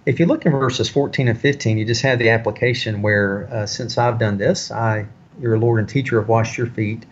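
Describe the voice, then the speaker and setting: A man teaching a Bible study in a conversational way, explaining passages with frequent pauses and fillers. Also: medium pitch, steady tone, lo-fi sound, a little hiss or hum.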